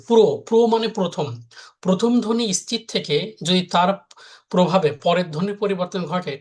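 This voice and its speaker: Male teacher, live lesson, repetitive question-and-answer delivery. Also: high voice. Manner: repeats rules, asks and answers own questions. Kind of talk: live online grammar lesson.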